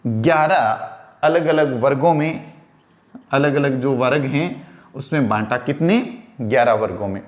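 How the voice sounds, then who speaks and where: A male teacher gives a lecture. He asks questions and answers them himself, repeats himself and spells words out as he writes. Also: fairly high pitch. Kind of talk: classroom lecture.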